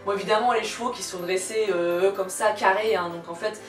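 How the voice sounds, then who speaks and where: A woman's voice: medium pitch, steady tone, fairly quick. Young female vlogger, echoey and a bit far from the mic. Chatty, giggly storyteller with slangy bluntness and a slightly strained, cracking voice. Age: young adult. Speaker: video creator telling personal anecdotes. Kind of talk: casual storytelling vlog. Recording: echoey room, distant microphone. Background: faint music.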